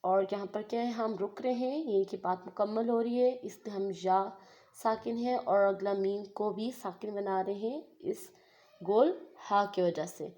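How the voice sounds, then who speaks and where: A woman teaches Quran recitation step by step. She chants phrases slowly and stretches them out, then explains each rule by asking and answering her own questions. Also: medium pitch, warm tone. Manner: slow, drawn-out recitation between patient explanations. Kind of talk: step-by-step tajweed lesson.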